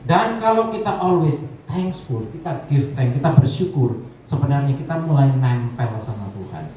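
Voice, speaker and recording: A male pastor preaching a lively sermon, calling for amens and mixing in English words. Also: mid-range voice, normal speed, slight background noise. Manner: lively, calls for amens, acts out prayers, drops in English words. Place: church service hall. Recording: echoey hall, distant mic.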